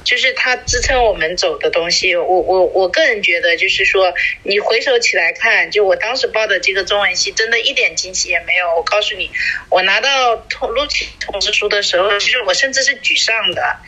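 Speaking briskly in a bright, forceful, husky mid-pitched voice, a forties-aged podcast co-host from a small city in China chats casually. She rambles, filling gaps and restarting often, and the audio quality is poor.

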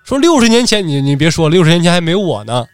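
Man playing old veteran samurai, coaxing, lively pitch, dry close sound. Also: fast, dry recording, faint music behind. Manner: coaxing, nostalgic.

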